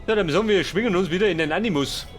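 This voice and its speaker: Guy doing a casual let's play, bit high voice, jokey, faint game music behind. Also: racing. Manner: colloquial, flippant joking. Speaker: gaming let's player.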